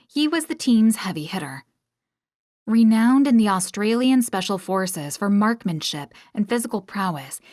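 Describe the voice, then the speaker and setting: A woman narrating a thriller audiobook in a measured, steady way. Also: medium pitch, dry recording, clean studio sound. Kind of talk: scripted narration.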